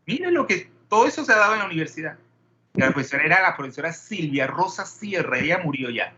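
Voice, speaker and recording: A man's voice: a little high, big pitch swings, quick pace, bright, forceful tone, muffled recording, slight background noise. A man teaching a chemistry class, peppering students with questions and wandering into digressions. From Panama. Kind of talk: classroom lecture.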